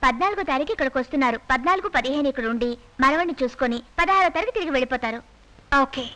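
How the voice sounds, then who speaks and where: A breezy scheming friend. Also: female voice, high voice, animated, very fast, sharp tone. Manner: breezy, confident. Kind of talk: dubbed film acting.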